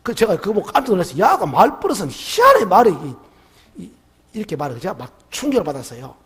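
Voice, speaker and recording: A middle-aged man with a Gyeongsang accent, preaching a Sunday sermon in church and telling a story with lively questions to the congregation. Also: high voice, fast talker, slightly rough. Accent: Gyeongsang dialect. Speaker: pastor. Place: church sanctuary.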